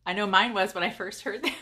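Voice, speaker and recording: A woman's voice: mid-range voice, fairly quick, pushed and bright, slight background noise. Chatty upbeat woman in her garage. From California. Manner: chatty and upbeat, talking to viewers. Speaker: furniture painter and paint business owner. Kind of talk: casual live-stream demonstration. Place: home garage.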